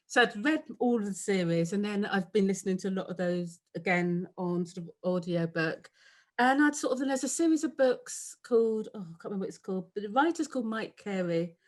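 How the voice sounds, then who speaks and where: A chatty woman with a London accent talks casually with an interviewer over a video call. Her voice sits at a middling pitch, and she laughs often and drifts off mid-thought. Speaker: author guest.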